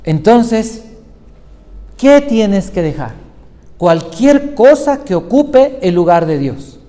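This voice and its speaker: Male pastor, mellow voice, lively sermon with questions, reverberant hall. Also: high-pitched, takes it slowly. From Mexico. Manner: animated preaching, asks the congregation questions. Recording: reverberant hall with faint noise.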